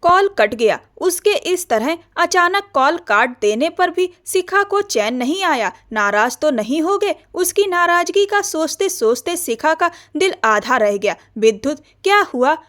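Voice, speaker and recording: A woman's voice: very high-pitched, very animated, measured pace, few pauses, a bit bright. A woman narrating a romance novel as an audiobook, telling the story expressively.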